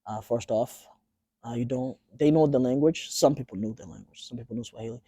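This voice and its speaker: A man in his twenties, born in Tanzania, speaking as an interview guest in a relaxed, halting way with many fillers and restarts. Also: mid-range voice, slightly rough, no room sound. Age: 20s. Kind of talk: casual interview.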